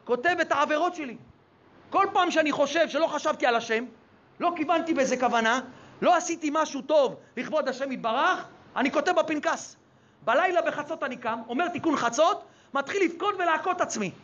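A man's voice: very high-pitched, a bit bright, pitched above the performer's own voice. A male preacher voicing a humble, pious tavern keeper who earnestly confesses his sins, in a dull lo-fi recording.

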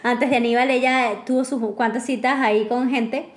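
A woman telling an awkward story in casual podcast chat, expressive and laughing. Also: fairly high pitch, moderate pace. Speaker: podcast co-host. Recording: echoey room.

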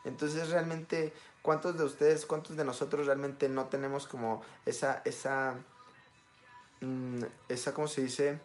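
Young man, Mexican Spanish accent, casual motivational talk, quick and chatty, checks in with the listener often, mid-pitched voice. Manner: fast, conversational, keeps checking in with the listener. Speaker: self-help speaker.

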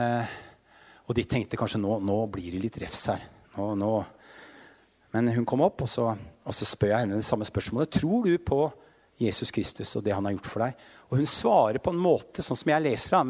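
A man's voice: mid-range voice, darkish tone, in a large hall. A man in his fifties preaching a sermon, telling stories and rising into fervent proclamation. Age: 50s.

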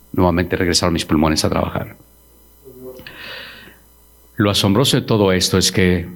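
A middle-aged man, a pastor giving a solemn testimony in a church, slowing down to quote words with emotion. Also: low-pitched. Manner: slow, solemn, quoting Jesus with emotion. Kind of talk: testimony sermon.

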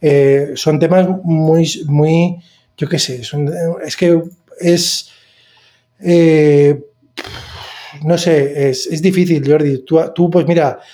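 Male podcast host, slightly high, mellow tone, rambling and hesitant delivery. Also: steady tone, slow pace. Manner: chatty, hesitant, many fillers and restarts. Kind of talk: casual podcast chat.

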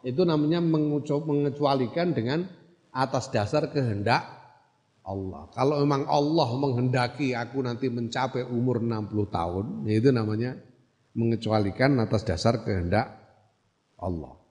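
A man leads a classical religious text study, reading Arabic phrases and glossing them before explaining. He checks in with listeners through short questions. His mid-pitched voice rings with the long reverb of a large hall. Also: moderate pace, a little mellow. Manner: reads Arabic text, glosses it in Javanese, then explains in Indonesian. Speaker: religious teacher.

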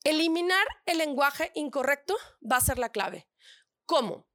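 Bright high-voiced northern Mexican woman. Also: a little slow, no echo, clean studio sound. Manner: expressive, acts out inner voices with shifts of tone; addresses audience directly with frequent asides. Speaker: speaker at a women's talk. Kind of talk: motivational talk.

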